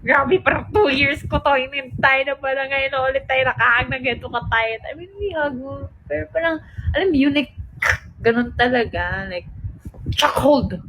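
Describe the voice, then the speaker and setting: A woman's voice: high voice, normal speed, dull audio, a little hiss or hum. A young woman in casual chat, rambling and switching languages as she tells a story, sometimes close to tears. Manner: rambling, code-switching, self-described overthinker. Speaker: live stream host.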